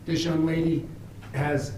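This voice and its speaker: A man, a high school principal who is losing his voice, presents at a school committee meeting in a halting way, full of fillers and restarts. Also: level tone, darkish tone, a little hiss or hum. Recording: echoey room from far off.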